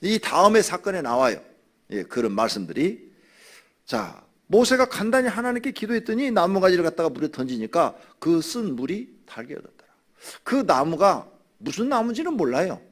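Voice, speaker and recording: A man teaches scripture to his congregation in a relaxed, conversational sermon. His pitch moves around a great deal as he explains. He stops now and then to act out grumbling people. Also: moderate pace. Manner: drinks water while speaking. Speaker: pastor. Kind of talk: Bible study sermon.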